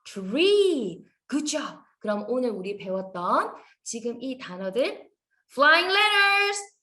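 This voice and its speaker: A woman teaching an English phonics lesson to young children in an animated, sing-song, encouraging way. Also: on the high side, slow pace.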